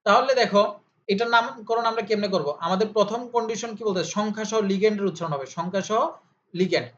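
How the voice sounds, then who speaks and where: In a relaxed chemistry lesson, a high-pitched male tutor talks fast with a bit of brightness in his tone. He fields his own questions and hammers key terms through repetition drills. Faint hiss sits under the slightly dull recording.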